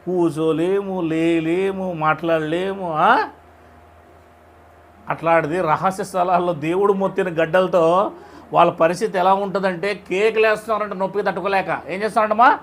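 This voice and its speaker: A man's voice: high voice, fairly even intonation, normal speed, fairly bright tone. A man preaching in a conversational style, putting rhetorical questions to his listeners and retelling stories in plain speech. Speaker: preacher leading a Bible study. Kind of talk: conversational sermon.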